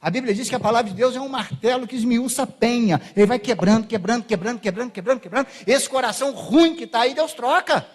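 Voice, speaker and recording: Male Brazilian pastor, high-pitched, conversational sermon in church, plays scenes out. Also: fast, hardly any pauses. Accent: Brazilian Portuguese. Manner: conversational, acts out voices of biblical figures.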